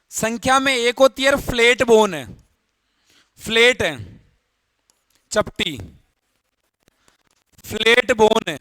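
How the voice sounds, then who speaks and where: A man's voice: very high-pitched, pushed and bright, no echo. A man teaching a biology class in a Hindi lecture, explaining step by step, repeating key terms and asking students questions. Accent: Rajasthani Hindi.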